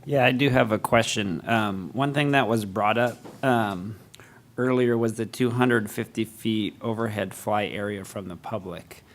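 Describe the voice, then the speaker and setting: A man's voice: on the low side, fairly even intonation, unhurried, a little hiss or hum. A man on the commission asking a brief question about safety at a public meeting.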